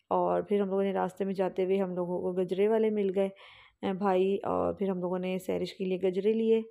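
A woman's voice: medium pitch, creaky, warm tone. A young woman vlogger giving a chatty, rambling voice-over about a family outing, with fillers and restarts.

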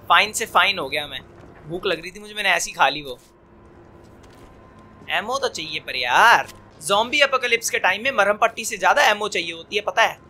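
Excitable high-voiced young man gaming. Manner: excitable, jokey, yelps and talks back at the game. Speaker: gaming commentator. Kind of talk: casual let's-play commentary.

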